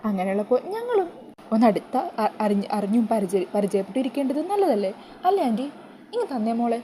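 A woman's voice: fairly high pitch, very animated, fast talker, warm tone, slight background noise. Woman voicing a sly sweet-talking young schemer. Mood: coaxing.

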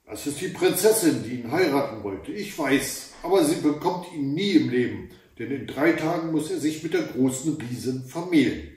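A man voicing a loud gruff man-eating troll. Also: a little high, lively intonation, moderate pace, hardly any pauses, lightly acted. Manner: barking, sniffing, menacing. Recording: very echoey room, voice from far off.

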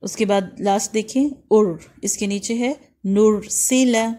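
A woman teacher speaks slowly and deliberately, stretching out practice syllables. Her voice is mellow and warm, with a middle pitch. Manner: slow and deliberate, drawing out sounds for practice. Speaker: Quran recitation teacher. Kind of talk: step-by-step pronunciation lesson.

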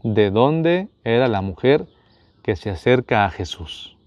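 A man's voice: mid-range voice, big pitch swings, slow pace, darkish tone, highs cut off. A man, a priest, running a Bible quiz for his viewers, asking each question, repeating it, and speaking to them directly.

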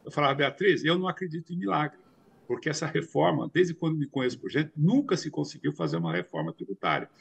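A man's voice: a little high, lively intonation, fast talker, vocal fry, husky. A man in his sixties giving remote news commentary from a home study over a video call, explaining at length with frequent hesitations and repeated fillers.

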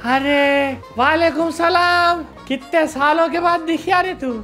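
A woman's voice: very high-pitched, fairly even intonation, takes it slowly, a bit bright, faint music behind, full character voice. A woman playing a blunt, teasing elderly family uncle with a Hyderabadi accent in a comedy sketch. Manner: teasing, mock-scolding.

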